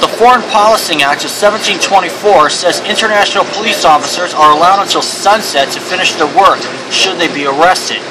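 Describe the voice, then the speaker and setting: A man's voice: high-pitched, brisk, hardly any pauses, close to an everyday voice. Man doing a bookish legal expert, noisy recording. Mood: pedantic. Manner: erudite, formal, pedantic. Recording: clearly noisy background.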